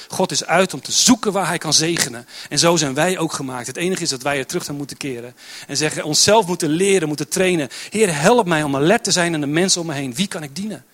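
A man's voice: on the high side, fast talker, a bit bright. A man preaching a sermon in church, pressing his points with emphatic, repeated phrases. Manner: builds to emphatic, repetitive exhortation.

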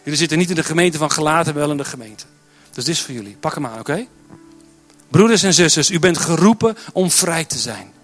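A man with a fairly high voice preaches in church, soft music playing under him. He leans into repetition and lifts his voice as he exhorts the congregation. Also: expressive, fast talker. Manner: builds to emphatic, repetitive exhortation. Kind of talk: sermon.

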